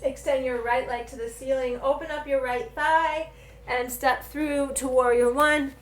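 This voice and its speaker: A woman's voice: sits high, steady tone, a little slow. A woman instructor calling out yoga cues while moving along with the class, a little out of breath at times. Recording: roomy echo, faint ambient noise.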